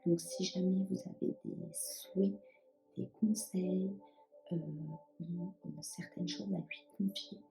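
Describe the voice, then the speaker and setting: A woman giving a tarot card reading, speaking softly and slowly with frequent hesitations. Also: on the low side, level tone, vocal fry, soft background music, rough recording. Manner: soft, unhurried, many hesitations.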